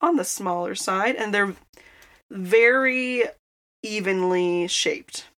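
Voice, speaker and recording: Young woman podcast host, bright tone, loose chatty delivery with frequent laughs, recorded inside a closet. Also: medium pitch, takes it slowly. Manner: chatty and rambling, laughs often. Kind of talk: casual chat. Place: inside a small closet in a childhood bedroom.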